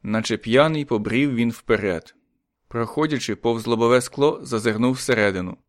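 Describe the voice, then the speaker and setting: A calm male narrator reading a story aloud in a measured, even storytelling voice. His pitch sits in the middle range, and the recording is close and dry with no room sound. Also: no room sound. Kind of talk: scripted audiobook narration.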